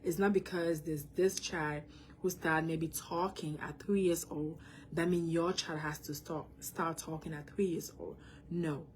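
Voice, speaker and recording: Cameroonian mother, earnest awareness vlogger, low-set voice, talks straight to parents. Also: fairly even intonation, slow pace, a little hiss or hum. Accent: Cameroonian French. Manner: earnest, addresses parents directly, slips into English. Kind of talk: casual direct-to-camera talk.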